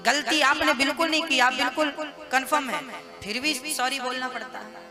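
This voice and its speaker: A man's voice: very high-pitched, normal speed. A man giving a folksy devotional sermon to a gathering, asking rhetorical questions and singing short couplets. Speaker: preacher. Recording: music behind the voice.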